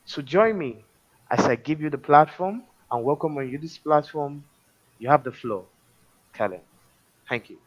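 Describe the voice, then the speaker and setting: A man's voice: a little high, lively intonation, moderate pace, pauses often. A man hosting a live online forum over a video call, introducing speakers in an earnest, formal way. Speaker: forum host. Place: home, online live stream. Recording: dull lo-fi stream audio.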